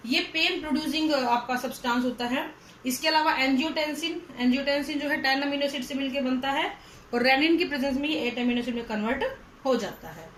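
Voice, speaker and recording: High-voiced woman teaching a lecture. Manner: explains step by step, calls students 'beta'. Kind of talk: whiteboard lecture. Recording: echoey room, faint hum.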